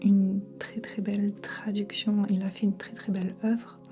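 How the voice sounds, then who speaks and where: A woman speaking in a hushed, breathy library whisper, chatting informally in a casual ASMR book talk. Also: mid-range voice, little pitch movement, normal speed, soft background music. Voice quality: soft, breathy unvoiced whisper. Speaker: ASMR creator.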